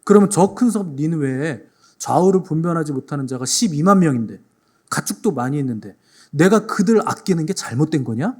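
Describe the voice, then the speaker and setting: God speaks calmly and reasons like a patient father with a sulking prophet, voiced by a man within a sermon. He asks plain rhetorical questions rather than scolding. The male voice sits a little high for a man. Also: a little fast, husky. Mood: reasoning.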